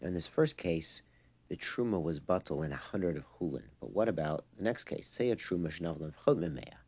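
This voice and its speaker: A man's voice: low-pitched, animated, fairly quick, a little mellow, slightly rough. A man giving an informal religious text lesson, explaining step by step and peppering his English with Hebrew and Yiddish terms. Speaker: religious teacher.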